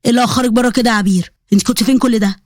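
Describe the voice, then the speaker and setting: A woman playing a strict middle-aged father, stern and commanding in an Egyptian accent. He fires off orders very quickly in a fairly high voice. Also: darkish tone, no room sound, studio quality, lightly acted.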